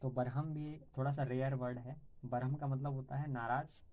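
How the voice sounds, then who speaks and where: A man's voice: mid-range voice, steady tone, lo-fi sound. A man tutoring Urdu vocabulary in a casual explanatory lesson, patiently explaining words and often checking in with his listeners. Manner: sings song lines softly and slowly.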